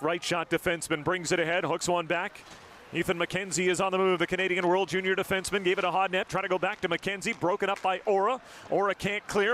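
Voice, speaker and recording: High bright-voiced man calling hockey play-by-play. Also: slight background noise. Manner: rapid clipped calls of each pass and shot. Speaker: play-by-play announcer. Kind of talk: live hockey play-by-play commentary.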